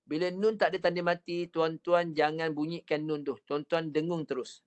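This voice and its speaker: A man's voice: fairly high pitch, fairly even intonation, clean tone. Malay man teaching recitation patiently. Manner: patient, repetitive drilling with counted practice and demonstrations; stretches words very slowly when showing the recitation. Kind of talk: online recitation lesson. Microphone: computer mic on a video call.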